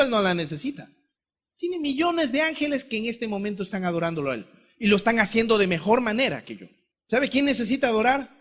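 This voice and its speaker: Guy from ecuador preaching, high voice, gets really fired up telling his story. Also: a bit bright. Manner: impassioned, acts out dialogue with God and his brother. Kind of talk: testimony sermon.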